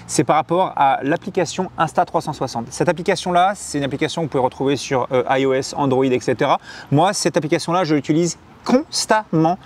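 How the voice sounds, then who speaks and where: This motorcycle vlogger's voice is a little high and a little fast as he demos a camera. He talks directly to his viewers in a lively, chatty, slang-filled style typical of a casual product vlog.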